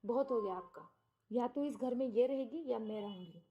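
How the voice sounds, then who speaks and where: A middle-aged wife worn down by years of neglect, pleading and complaining through tears, as a woman storyteller puts her on. Her voice sits a little high, and her lines come out in choked, desperate runs. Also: moderate pace, muffled recording, natural voice. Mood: bitter.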